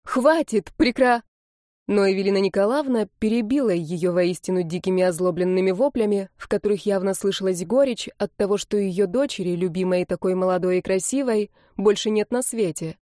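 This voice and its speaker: A woman narrates an audiobook with steady, dramatic storytelling. Her voice is dark and mellow at a middle pitch, recorded close on a studio mic in a dry room. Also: brisk, hardly any pauses, dry recording. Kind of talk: scripted narration.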